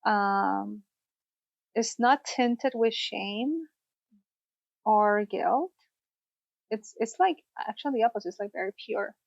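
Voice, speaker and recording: A woman's voice: mid-range voice, slow pace, gravelly, long pauses, no room sound, muffled recording. A woman from Costa Rica, a sex therapist, telling her story in a podcast interview. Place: studio, in person.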